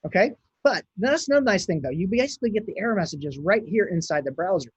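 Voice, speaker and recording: A man's voice: sits high, expressive, fast, breathy edge, no echo, dull audio. A man from Hawaii giving a conference talk, thinking aloud and chatting as he runs a live coding demo. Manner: chatty, thinks aloud while clicking and typing. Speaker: conference speaker.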